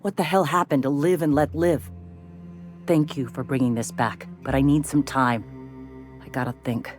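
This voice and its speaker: A man's voice: mid-range voice, steady tone, normal speed, faint music behind, lightly acted. An actor playing a loyal male crewmate in a video game, speaking in a hurt, earnest way. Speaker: companion character. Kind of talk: game character dialogue.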